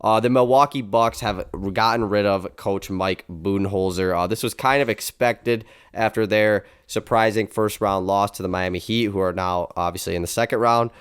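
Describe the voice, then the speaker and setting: Young male sports podcast host, congested voice, fairly low and smooth, chatty. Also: normal speed, hardly any pauses. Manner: upbeat, chatty with filler words. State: stuffy, congested voice. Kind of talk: casual sports podcast chat.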